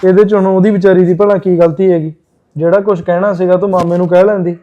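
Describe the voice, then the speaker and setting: A young man playing a married son who tries to calm his mother in a short film drama. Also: high-pitched, fast, lo-fi sound, lightly acted. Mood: pleading. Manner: pleading, placating.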